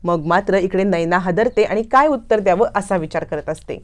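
A woman's voice: medium pitch, fairly quick. A woman retelling a TV serial episode in a fluent storytelling manner. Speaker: serial recap narrator.

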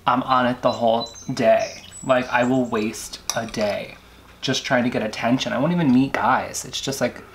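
A man's voice: mid-range voice, fairly even intonation, normal speed, fairly bright tone, slight background noise. A young man co-hosting a casual eating show, chatty and rambling. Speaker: co-host. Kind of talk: casual mukbang chat.

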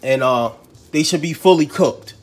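A man's voice: on the high side, moderate pace. Slangy, chatty cooking-show man. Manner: slangy, chatty, talks to viewers as he cooks. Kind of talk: casual cooking demo.

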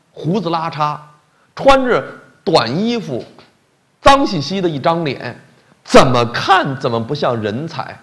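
A male lecturer telling a story with comic flair, colloquial and animated, often turning to the audience with questions. His voice is fairly high, swings widely in pitch and has a gravelly texture.

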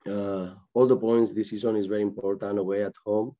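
A man in his forties, a football manager at a post-match press conference, answering in halting, searching English over a video call. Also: fairly low pitch, level tone, dark tone, muffled recording. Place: press room with sponsor board.

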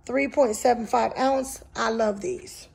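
A woman shows off her grocery haul in her home kitchen, speaking to viewers in a homey, chatty way from behind a handheld phone camera. Her fairly high voice is gravelly, darkish and a bit breathy, with measured pace and fairly even intonation.

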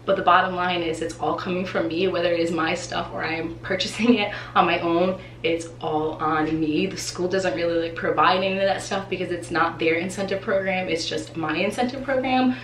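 Fairly quick and excitable, a woman from New England chats through a casual unboxing vlog with a lowish, congested, nasal voice and plenty of "like" fillers. She's a teacher and vlogger, sitting in front of a camera in a small indoor room. The audio is echoey with faint hiss.

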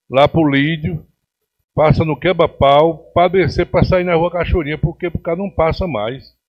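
A middle-aged city councillor with a Pernambuco Brazilian Portuguese accent gives a plenary speech at a council chamber's podium microphone. His voice is a little high for a man, and he pushes his complaints with indignant emphasis. The audio is dull and lo-fi, like a chamber broadcast feed.

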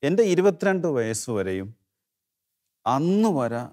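A middle-aged man from Kerala telling his personal testimony in an interview, earnest and halting, his voice sinking low and soft when he is moved. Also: big pitch swings. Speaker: interview guest giving testimony.

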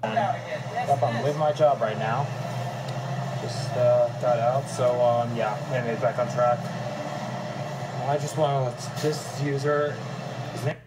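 Tired man venting in a casual rant, halting and filler-heavy, mid-pitched, with loud vehicle and air noise behind him. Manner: halting, many fillers and restarts. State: tired, exhausted. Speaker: ranter answering critic. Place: vehicle, leaving work.

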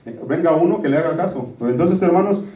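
A man's voice: on the high side, expressive, a little fast, warm tone. A middle-aged man preaching a sermon as pastor, talking to the congregation in a conversational way and often calling them brothers. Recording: roomy, distant church recording.

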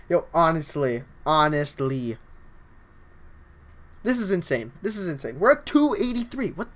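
A young man streaming a video game live, chatting casually and excitedly with his viewers as he reads their messages. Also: high voice. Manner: excitable, upbeat, often starts lines with "yo, honestly". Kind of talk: casual livestream chat while reading viewer comments.

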